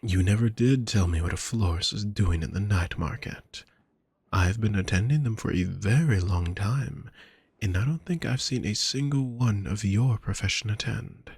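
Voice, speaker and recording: In an intimate audio roleplay, a man plays a doting, courtly vampire shopkeeper, addressing the listener in gentle, flowery, formal speech with a husky, rather low voice. He speaks at a normal pace with a wry, chatty mood, and the recording is dry.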